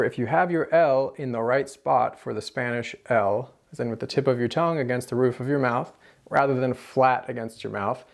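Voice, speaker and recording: American man teaching rolled R pronunciation. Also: mid-range voice. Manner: demonstrates rolled and tapped R sounds, repeating example syllables and words. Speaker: language teacher. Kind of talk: instructional pronunciation tutorial, explaining casually.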